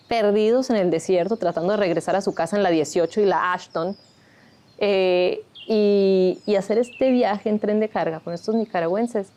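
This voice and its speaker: In a documentary interview, a woman in her thirties who grew up in Colombia and founded a migrant shelter tells her life story candidly and reflectively. Her voice is medium in pitch with a dark tone.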